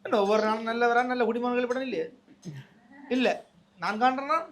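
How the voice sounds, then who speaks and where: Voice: mid-range voice, brisk. A presenter with a Sri Lankan Tamil accent, delivering a surprise gift and chatting in a playful, teasing way. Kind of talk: casual on-camera banter.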